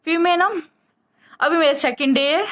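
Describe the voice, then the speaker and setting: A woman's voice: high-pitched, normal speed, fairly bright tone, dull audio. A woman telling a rambling, chatty story to camera in a casual vlog, short of breath as she speaks. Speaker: vlogger.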